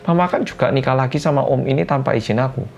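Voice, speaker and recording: A man's voice: mid-range voice, fast, creaky, darkish tone, muffled recording, faint music behind, pitched above the performer's own voice, lightly acted. A man voicing a stubborn young pregnant daughter who talks back to her mother. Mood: defiant. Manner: defiant, sulky.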